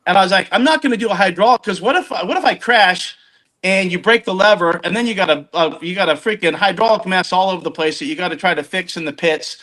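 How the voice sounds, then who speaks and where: A podcast guest in his fifties chats casually in a high, quick voice with a sharp edge, though the audio quality is poor. He rambles through his stories, often cutting himself off and starting sentences over.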